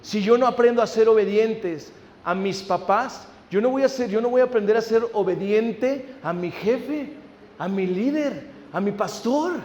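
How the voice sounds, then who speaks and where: High-voiced pastor preaching. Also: male voice, measured pace, a little mellow, highs cut off, a little hiss or hum. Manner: preaching, asks "¿sí?" to check in with listeners; acts out family dialogue in anecdotes. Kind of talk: sermon. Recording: long hall reverb.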